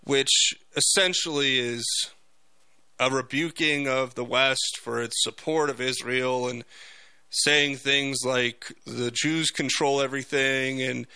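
Guy doing a political talk podcast rant, real sharp bright voice, emphatic, kinda halting, dry sound. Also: mid-range voice, steady tone, clear, resonant tone, no echo. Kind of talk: unscripted political talk monologue with ad read.

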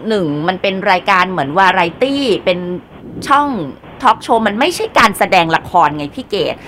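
A woman hosting a radio call-in show, speaking in a relaxed, reflective way and thanking the caller. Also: medium pitch, a little fast, a little hiss or hum. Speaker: radio host. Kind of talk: radio call-in advice chat.

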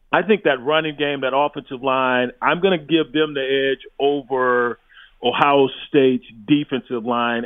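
A man's voice: mid-range voice, no echo. Blunt male football analyst on a phone line. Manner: emphatic, blunt, with restarts and chuckles. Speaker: college football analyst guest. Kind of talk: opinionated sports talk radio analysis. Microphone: phone line into studio. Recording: tinny phone line, dry.

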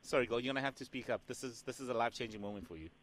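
Speaking very fast in a medium-pitched, slightly bright voice, this man is a radio host in a lightly acted prank call. He teases sassily as an overfamiliar caller, repeatedly calling her "girl" and "doll," over slight background noise.

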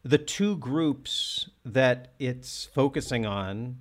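A man's voice: medium pitch, animated, drawn-out words. A man hosting a casual film discussion, talking with enthusiasm and restarting often as he searches for words. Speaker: podcast host.

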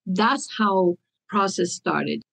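A woman's voice: medium pitch, slow pace, creaky, low-quality recording. Woman telling a story. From Colombia. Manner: animated storytelling. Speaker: interview guest. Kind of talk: podcast interview.

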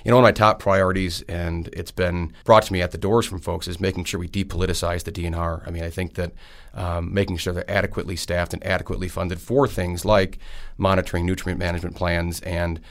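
A deep-voiced Wisconsin man in his thirties, a state senator, answers interview questions at a quick pace in a level tone. His replies are friendly and rambling, packed with fillers.

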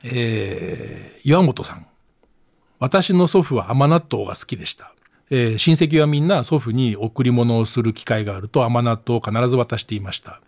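A man's voice: medium pitch, expressive, moderate pace, a little mellow, no room sound, studio quality. A man with an Osaka accent hosting a casual solo podcast, reading listener stories aloud with chuckling, self-deprecating asides and plenty of fillers. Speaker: podcast host.

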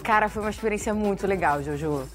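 A woman's voice: medium pitch, fast. A Brazilian woman chatting casually as a guest on a talk show. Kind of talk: casual chat. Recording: music under talk.

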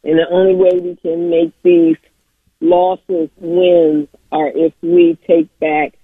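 A woman's voice: lowish voice, flat delivery, slow pace, dry recording. Woman caller on fuzzy distorted speakerphone. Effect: distorted speakerphone fuzz. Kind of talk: call-in talk radio. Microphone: phone on speaker. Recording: tinny, distorted phone line.

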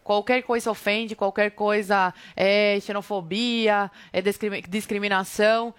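A woman's voice: medium pitch, steady tone, unhurried, clear, resonant tone. A woman on a debate panel, exasperated and emphatic.

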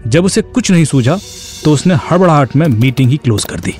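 A man tells a suspenseful story in a dramatic, fairly high and animated voice. Faint music runs underneath his narration. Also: fairly quick.

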